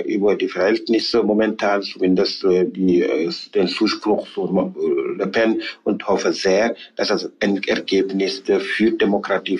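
A man from Senegal, a parliamentarian answering interview questions in a halting way full of hesitations and restarts. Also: sits low, darkish tone, slightly rough, dull audio. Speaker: member of parliament interviewed as guest. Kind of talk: political interview.

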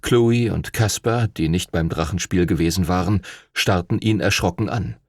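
A man narrating an audiobook in a calm, measured storytelling manner. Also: deep voice, no room sound, studio quality. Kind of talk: scripted narration.

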